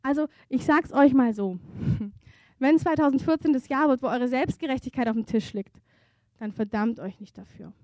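A woman preaching a sermon at a church service, earnest and intimate, moving between hushed softness and fervent emphasis. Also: high voice, moderate pace, dry recording.

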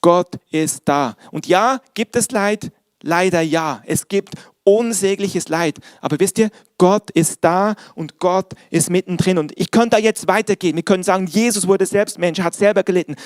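A man's voice: high voice, no echo, studio quality. A man preaching a sermon as pastor, earnest and speaking directly to his congregation.

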